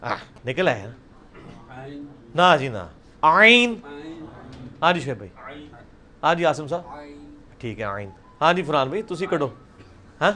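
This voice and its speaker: High-voiced man teaching. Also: expressive, long pauses. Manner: drills letters by repeating them loudly, mixing Punjabi into Urdu. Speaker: religious teacher. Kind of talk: live Quranic pronunciation class.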